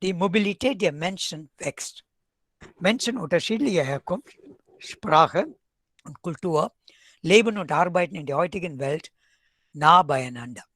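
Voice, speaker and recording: A professor from South India, Tamil by first language, lectures at a webinar with an Indian accent, moving between German and English and adding wry, dry asides. He sounds a little high and fairly bright, expressive but slightly slow, pausing often. The recording is dry.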